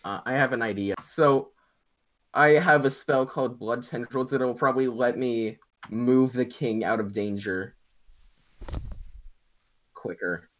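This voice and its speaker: A man's voice: medium pitch, a little slow, pauses often. A man playing in a tabletop game, chatting casually, describing his moves and protesting other players' choices.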